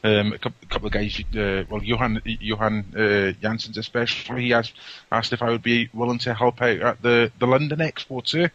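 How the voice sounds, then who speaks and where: A man's voice: mid-range voice, steady tone, a little fast, a bit bright. A man with a broad Scottish accent chatting casually as an interview guest, jokey and often restarting his phrases, on a muffled remote call. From Scotland. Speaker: podcast guest, template company representative. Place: remote audio-only call. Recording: dull, muffled lo-fi call audio.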